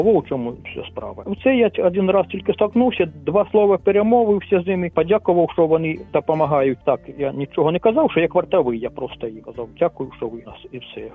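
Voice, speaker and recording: A man calling in to a radio show, speaking haltingly with many restarts as he recalls his military service. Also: sits high, lively intonation, breathy edge, no room sound. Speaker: radio caller, former soldier. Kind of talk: phone call-in testimony. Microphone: phone. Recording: tinny phone line, faint music.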